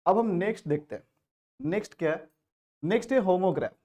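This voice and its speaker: A man's voice: high-pitched, fairly quick, dark tone. A man with an Indian accent teaching English vocabulary in an exam-prep lesson, explaining step by step and answering his own questions.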